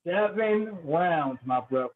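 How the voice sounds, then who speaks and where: A man calling in over a crackly, staticky phone line, talking in an animated, playful, trash-talking way. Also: a little high, takes it slowly, a crowd in the background. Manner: animated, loud and playful, vivid street storytelling. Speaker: guest predicting a boxing fight. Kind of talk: casual trash-talking chat. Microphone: cheap phone.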